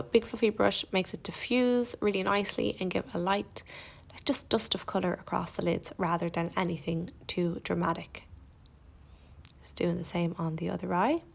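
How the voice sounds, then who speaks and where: A young woman talks through her makeup routine in a relaxed, chatty tutorial voice. There's a touch of vocal fry and grit in her tone, and she drops in easygoing, self-deprecating asides. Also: fairly low pitch. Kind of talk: casual narrated tutorial.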